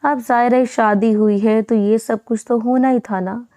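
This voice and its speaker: A woman's voice: fairly high pitch, steady tone, mellow, no echo, natural voice. A woman reading the lines of a pouting, tearful teenage bride who complains to her husband. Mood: sulky.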